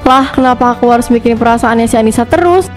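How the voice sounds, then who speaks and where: A woman's voice: fairly high pitch, fast talker, soft background music, lightly acted. A woman voicing Nadia, a brash, defiant teenage schoolgirl in a cartoon parody soap. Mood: sassy. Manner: sassy, defiant, whiny when upset. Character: teen girl Nadia, brash pick-me schoolgirl. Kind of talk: animated parody soap dubbing.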